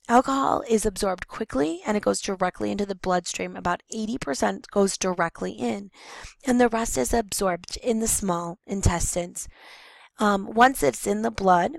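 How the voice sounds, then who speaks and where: A woman teacher with a hoarse, gravelly voice talks through a slide lesson for her students. She explains plainly, stopping for ums and fixing her own words. The recording is close and dry. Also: mid-range voice, normal speed, no room sound, poor audio. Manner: explanatory, with frequent ums and self-corrections. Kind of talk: recorded classroom lecture over slides.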